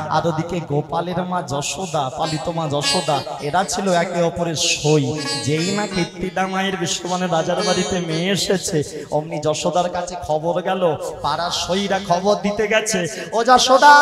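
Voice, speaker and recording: High-voiced man telling a devotional story. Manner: dramatic, acts out the characters. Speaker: kirtan singer and storyteller. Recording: echoey hall with music.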